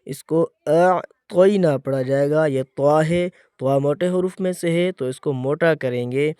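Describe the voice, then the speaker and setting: A man's voice: fairly high pitch, a little mellow, clear, resonant tone, dry recording, clean studio sound. A man teaching Quran recitation in an explanatory lesson, patiently repeating words and demonstrating correct pronunciation.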